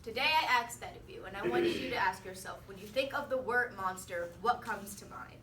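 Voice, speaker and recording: A student presents a mock defense speech in a classroom: a teenage girl speaking a little fast at medium pitch, using repetition for rhetorical emphasis in her prepared persuasive talk. The distant mic gives a roomy sound with faint noise.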